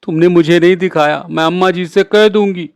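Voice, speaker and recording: A man's voice: sits high, moderate pace, dry recording, voice pushed up, close to an everyday voice. A man voicing a curious little girl who keeps begging her older brother, in a whiny, coaxing child voice. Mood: upset. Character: pleading little girl, curious younger sister.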